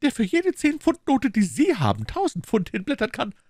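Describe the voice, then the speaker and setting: A man's voice: huge pitch swings, darkish tone, dry recording, exaggerated voice. A man voicing a sulky, defiant housemaid who shrieks back at her accuser, in a German audiobook reading. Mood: defiant shrieking. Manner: shrill, shrieking, fast, coarse.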